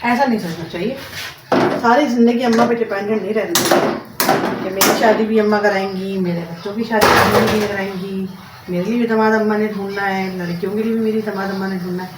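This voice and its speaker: A home vlogger with a mid-range, steady voice talks fairly fast as she cooks in her kitchen, rambling casually and tossing in English words. The recording sounds roomy, with a distant mic and a noisy background.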